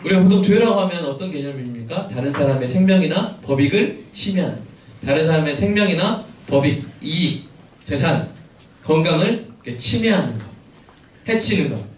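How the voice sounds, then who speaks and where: A pastor preaches a sermon in a church sanctuary, his fairly high voice carrying through the echoey hall. He is expressive, speaks at normal speed, and keeps asking the congregation questions and answering them himself. The mic is far off, picking up faint room ambience behind him.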